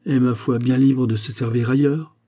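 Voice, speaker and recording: A haughty, obstinate old tailor, as a man reading aloud plays him. He brushes people off in a curt, dismissive way. The voice stays dark and husky. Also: mid-range voice, steady tone, normal speed, voice pushed up, natural voice.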